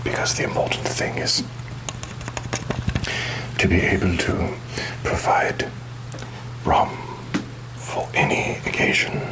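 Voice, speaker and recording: A man playing a roguish, rum-obsessed pirate captain in a breathy, halting whisper for an ASMR roleplay, with wary, theatrical, mock-grand phrasing. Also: noisy background, close to an everyday voice. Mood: sly, instructive.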